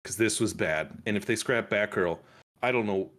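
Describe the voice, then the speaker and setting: A man reviewing a movie on a livestream talks in a lowish voice at a moderate pace. The chat is casual and rambling, full of restarts and sudden animated outbursts.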